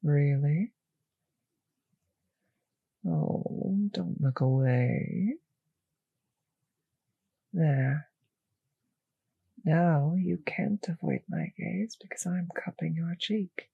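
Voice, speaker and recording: In an intimate roleplay audio drama, a woman plays a possessive, teasing vampire mistress, speaking slowly and condescendingly in a breathy, low-pitched, exaggerated voice that often drops to a whisper. The recording is phone-quality with no room sound.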